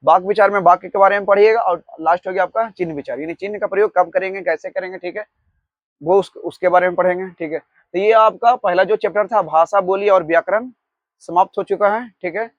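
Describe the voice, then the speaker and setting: A man teaching a grammar lesson, explaining with examples and slowly dictating key words, repeating each one. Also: high voice, dry recording, highs cut off. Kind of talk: Hindi grammar lecture.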